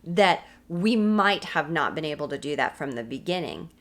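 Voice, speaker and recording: An American woman with a slightly low voice teaches a recorded women's Bible study. She speaks earnestly and repeats key phrases to drive each point home. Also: animated, moderate pace, a bit bright.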